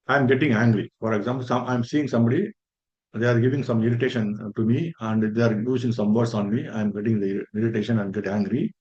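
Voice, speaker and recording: A man's voice: medium pitch, a little mellow, muffled recording. Earnest man lecturing teachers. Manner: earnest and repetitive, stresses points with "very, very important" and everyday examples. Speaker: resource person for a faculty development program.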